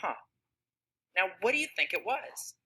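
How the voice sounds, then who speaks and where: A woman's voice: medium pitch, very animated, normal speed, pushed and bright, slightly rough. A woman giving scripted narration for a children's explainer video, asking the kids questions and acting out different tones of voice.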